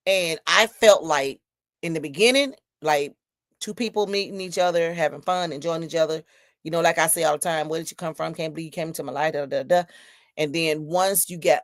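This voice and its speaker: Woman in her fifties, low voice, dry close sound, emphatic solo podcast talk. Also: no echo. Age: 50s. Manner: emphatic, preachy storytelling with repetitions. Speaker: podcast host. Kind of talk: solo podcast talk reading viewer comments.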